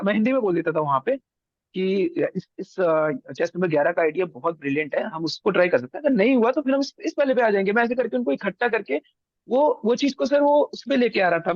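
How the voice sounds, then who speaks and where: A man's voice: sits high, a little fast, no room sound, dull audio. A young man from India, a guest on an interview show, telling his story casually and acting out what others said. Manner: animated, acts out others' lines.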